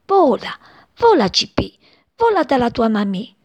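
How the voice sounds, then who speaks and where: Woman doing tender mother bird, high calls, breathy. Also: sing-song, a little slow, dry recording, muffled recording, heavily acted. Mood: calling. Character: loving mother bird calling her chick.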